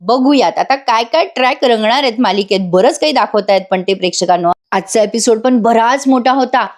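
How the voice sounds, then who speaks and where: Woman, serial review voice-over, somewhat high voice, animated recap. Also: brisk. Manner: acts out characters' lines in quotes, animated.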